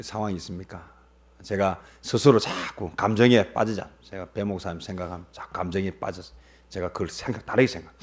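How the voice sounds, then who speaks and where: Emphatic male pastor preaching. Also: sits low. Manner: emphatic, swinging between loud and hushed; rhetorical questions to the congregation. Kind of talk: sermon.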